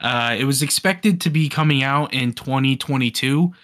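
A young man co-hosting a casual gaming podcast, talking excitedly and rambling with frequent restarts. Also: medium pitch, normal speed. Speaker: podcast co-host. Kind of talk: casual gaming news chat.

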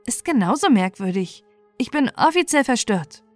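A woman's voice: a little high, big pitch swings, moderate pace, no room sound, soft background music. Woman reading as a scared teenage girl. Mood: wary. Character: 18-year-old girl, defiant and frightened.

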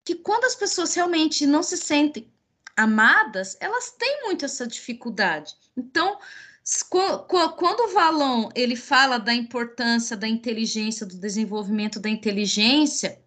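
A woman's voice: sits high, bright, forceful tone. A woman from Paraná with a Minas Gerais touch in her Brazilian Portuguese, a teacher hosting an educational podcast in a reflective way with frequent restarts. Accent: Brazilian Portuguese with Minas Gerais traits. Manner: reflective, speaks in repeated restarts. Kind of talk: casual educational podcast chat.

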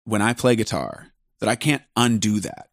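Gravelly-voiced man rambling casually. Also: fairly low pitch, lively intonation, no room sound, clean studio sound. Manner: rambling, self-deprecating, quick shifts of thought. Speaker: podcast host and musician. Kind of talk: casual podcast conversation.

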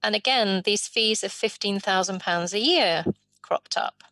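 A woman voicing a guest's life story in an interview, in measured, drawn-out phrases. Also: mid-range voice, bright, forceful tone, dry recording.

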